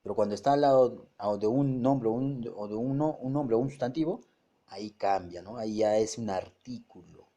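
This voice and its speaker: A man teaches a grammar lesson in a mellow, darkish voice. He works through the points step by step, stumbling and restarting words. He often pauses to check that his students follow. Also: mid-range voice.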